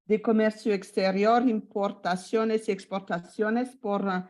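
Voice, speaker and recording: A woman with a foreign accent in non-native Spanish, asking a question haltingly as she searches for words. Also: medium pitch, fairly even intonation, darkish tone. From not a native Spanish speaker. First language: not Spanish. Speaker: audience member asking a question. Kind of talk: spontaneous question at an online meetup.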